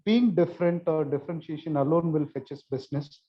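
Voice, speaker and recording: A man's voice: fairly high pitch, quick pace. A man with an Indian accent asking a question from the audience at a talk, a little hesitantly, on dull audio. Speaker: audience member, business owner.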